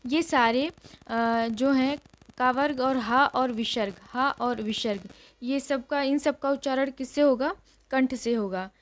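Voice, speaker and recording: A woman's voice: high-pitched, measured pace. A woman teacher giving an exam revision lesson, repeating each rule and quizzing her listeners. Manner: repeats rules and asks questions to the class.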